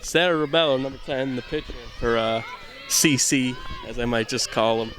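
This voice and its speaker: A young man, doing offhand, self-deprecating live commentary of a softball game from outdoors on a headset mic. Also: medium pitch, moderate pace, crowd noise. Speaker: camera operator and commentator. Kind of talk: casual live sports commentary.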